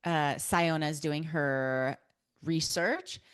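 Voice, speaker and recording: A woman's voice: low voice, takes it slowly, smooth, dry recording, studio quality. A woman co-hosting a book podcast in a laid-back way, often murmuring agreement. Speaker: podcast co-host. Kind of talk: casual book discussion.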